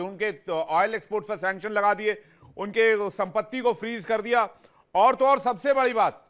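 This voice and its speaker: A man with a high voice runs a televised debate, pressing his points with emphatic, everyday phrasing and folk sayings. He sounds like an anchor steering guests. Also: fairly bright tone. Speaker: debate show host.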